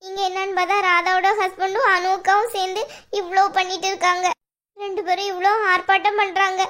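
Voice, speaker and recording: A woman voicing a sharp-tongued young woman in a cartoon drama who scolds and accuses her in-law. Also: very high voice. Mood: anxious. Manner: scornful, quarrelsome. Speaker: cartoon voice actor. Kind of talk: Tamil cartoon drama dialogue.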